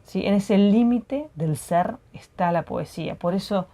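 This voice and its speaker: A woman, co-hosting a poetry program, reading poems aloud and discussing them in a measured, reflective way. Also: medium pitch, mellow. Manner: reflective, measured, frequent tag questions.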